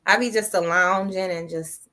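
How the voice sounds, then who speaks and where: A woman's voice: lowish voice, fairly even intonation, normal speed, sharp tone. Playful slangy woman hosting a podcast. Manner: loose, playful, slangy, swears freely. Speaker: podcast host. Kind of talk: casual podcast chat.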